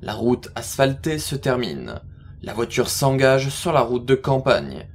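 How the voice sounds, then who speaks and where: A man delivers scripted audio drama narration at a very slow pace. His voice is medium in pitch, with faint noise in the background. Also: big pitch swings.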